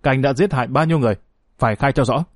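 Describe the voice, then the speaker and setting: A man's voice: mid-range voice, racing, no room sound, studio quality, natural voice. A man voicing a stern older male colonel who questions and commands. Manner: stern, interrogating.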